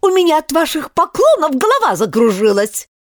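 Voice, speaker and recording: A woman playing a shrill raging queen. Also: huge pitch swings, moderate pace, no echo, studio quality. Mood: furious. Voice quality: shrill, shouting. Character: furious shrieking tyrant queen.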